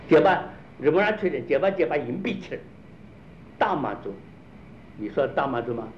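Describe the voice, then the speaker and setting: Explaining a problem, a man keeps firing rhetorical questions at his listeners to hammer his points home. His voice is on the high side and very animated at a normal speed, captured in a dull lo-fi recording with faint noise.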